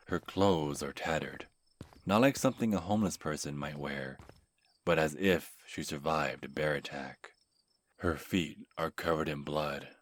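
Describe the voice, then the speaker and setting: A man telling a scripted second-person horror story in a calm, measured way. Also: very deep voice. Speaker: narrator and channel host.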